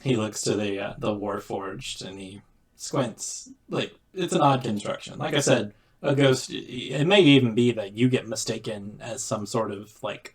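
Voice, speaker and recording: Man, game master, lowish voice, casual narration, lots of fillers. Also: breathy edge. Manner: loose, casual, many fillers.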